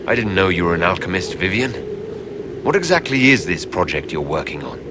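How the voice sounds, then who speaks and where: Direct low-voiced game hero. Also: male voice, big pitch swings, brisk, noisy background. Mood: direct, questioning. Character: plain-spoken heroic inquisitor, adult male leader. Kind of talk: video game voice acting.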